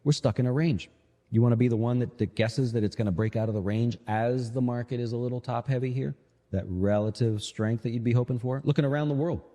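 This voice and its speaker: Pitched in the middle and moving a little fast, this man's voice has a dark tone. As host of a live financial show and an investment manager, he gives easygoing market commentary dotted with rhetorical check-in questions. The recording puts a hall-like echo on his voice.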